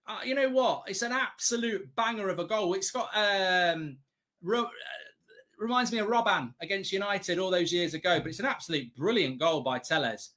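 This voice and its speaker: In an indoor streaming studio, a middle-aged man hosts a live football watchalong, commenting as a blunt, exasperated fan who swears. His voice sits high and sounds bright and forceful, at a moderate pace.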